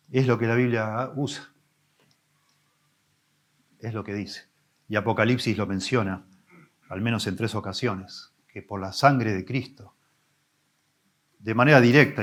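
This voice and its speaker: A man, a pastor preaching an expository sermon, teaching with emphatic rises and soft low drops. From Argentina.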